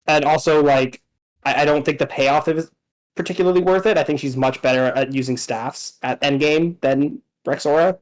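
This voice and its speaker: A man's voice: on the high side, fairly even intonation, moderate pace, poor audio. A man casually explaining game strategy, hesitant, with many fillers and restarts.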